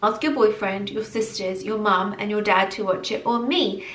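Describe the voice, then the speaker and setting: Recorded on a distant camera mic in an echoey room, this early-thirties vlogger from England has a mid-range voice and talks at normal speed. She speaks casually and emphatically in a motivational vlog, animated and hammering points home through repetition.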